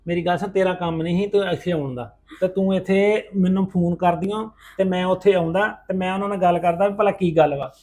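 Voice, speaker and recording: A man's voice: high-pitched, darkish tone, natural voice. An actor with a Punjabi accent playing a concerned father who keeps questioning his tearful daughter. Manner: quick, probing questions.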